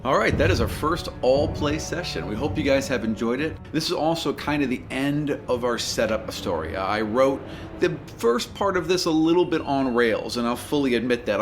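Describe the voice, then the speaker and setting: Acting as game master for a tabletop role-playing game, a medium-pitched man shifts between scripted description and conversational, improvised scene-setting, repeating phrases as he goes.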